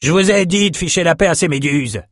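A man voicing a gruff male ship captain who gives commands with a roar. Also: a little high, animated, fairly quick, no room sound, studio quality, pitched above the performer's own voice. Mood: angry. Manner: roaring, commanding.

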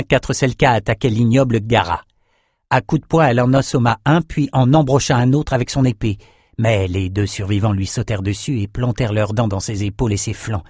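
A man narrating a fantasy novel in a measured, steady reading voice. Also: lowish voice, no room sound, clean studio sound. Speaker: audiobook narrator.

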